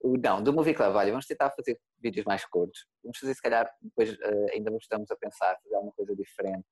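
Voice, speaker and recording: A man's voice: fairly low pitch, fast, a little mellow, breathy edge, poor audio. Young Portuguese man hosting casual chat. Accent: European Portuguese. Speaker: film podcast host.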